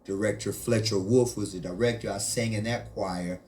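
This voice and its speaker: A laid-back man who grew up in Haiti, talking easily as a guest musician in a casual interview. His voice sits on the low side and he keeps dropping "you know" and "man" as he goes. A faint hum of noise sits under the recording. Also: steady tone, moderate pace, darkish tone.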